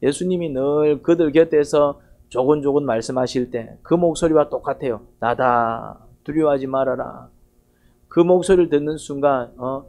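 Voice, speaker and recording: A man's voice: fairly high pitch, normal speed, mellow. A male pastor giving a Sunday sermon. He retells a story vividly and keeps putting questions to the congregation. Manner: asks the congregation rhetorical questions.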